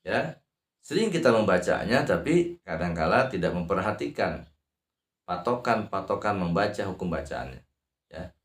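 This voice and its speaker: A man with an Indonesian accent teaching Quran recitation rules. He explains slowly and haltingly with many fillers, and between explanations he chants verses in long, drawn-out phrases. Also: sits low, very animated, roomy sound. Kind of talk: tajwid lesson with chanted recitation examples.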